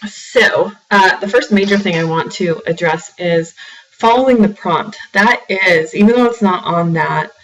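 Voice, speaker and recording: A woman writing instructor with a sore, slightly froggy throat gives a recorded class lecture in a low-ish voice, speaking a little slowly. She's full of "um"s and repeats words when she restarts. She sits far from the mic, and the audio is poor.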